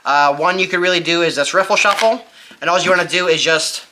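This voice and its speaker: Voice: mid-range voice, fairly quick, bright, forceful tone, a little hiss or hum, rough recording. A presenter giving a casual, step-by-step magic tutorial, informally thinking aloud while demonstrating by hand.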